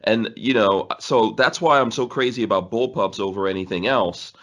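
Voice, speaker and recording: In a muffled recording, a Guyana-born man in his forties who grew up in New York City tells rambling stories on a podcast. His voice is lowish and a bit bright at a normal pace, and he laughs a lot and keeps restarting in this relaxed interview.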